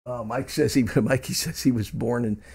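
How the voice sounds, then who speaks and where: With a mid-range, creaky, darkish voice, a breathy edge and fairly even intonation, this man in his seventies from Philadelphia, USA, talks at a moderate pace. He hosts a casual morning livestream, reading and answering chat in a rambling way full of ums and restarts.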